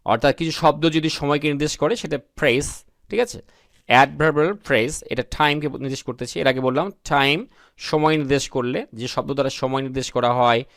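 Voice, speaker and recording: A man teaching English grammar to beginners, asking questions and answering them himself, reading example sentences slowly. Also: a little high, fairly bright tone, no room sound, clean studio sound. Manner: addresses viewers as friends.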